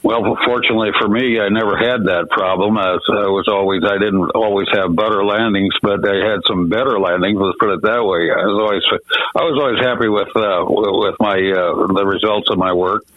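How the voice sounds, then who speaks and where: An older man with a lowish voice speaks over a narrow phone line. He rambles in a folksy, conversational way, circling back over his points as a radio interview guest. The sound is dry and thin. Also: fairly even intonation, fairly quick, dry recording. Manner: folksy, rambling, repeats himself. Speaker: interview guest, retired airline pilot.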